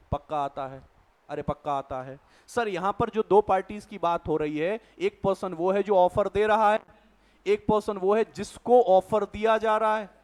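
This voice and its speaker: A man with an extremely high voice teaches an exam revision lecture. He reads definitions out slowly, then explains them quickly, throwing rhetorical questions at the class.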